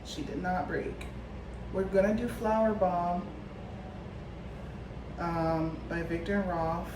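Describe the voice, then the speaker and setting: A woman in her thirties talks casually into the camera while she gets ready at home. Her voice sits a bit low and she rambles with plenty of fillers. The room is echoey, with clear background noise. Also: fairly even intonation, slow. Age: 30s. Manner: chatty, rambling with fillers like "like" and "you know". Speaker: vlogger. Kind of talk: casual vlog chat.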